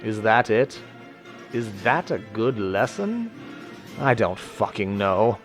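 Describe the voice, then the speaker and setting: A man's voice: on the low side, sing-song, slow pace, soft background music, heavily acted. A man voicing a weary, bitter male vampire assassin in a text game, speaking in a subdued, ashen tone.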